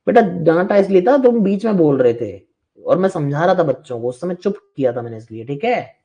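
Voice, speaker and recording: A man's voice: on the high side, very animated, a little fast, warm tone, muffled recording. A man teaching a live online maths class, chatty and reassuring but firm with students who interrupt.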